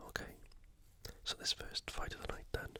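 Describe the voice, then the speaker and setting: Whispering without any hurry, a video host from the United Kingdom runs through a sports preview in ASMR fashion. The voice stays soft, breathy and hushed.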